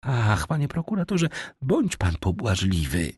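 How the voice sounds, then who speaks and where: A man voicing a tender, anxious young noblewoman in an audiobook, soft and pleading. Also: medium pitch, wildly swooping pitch, unhurried, slightly rough, no echo, clean studio sound, voice pushed up, full character voice.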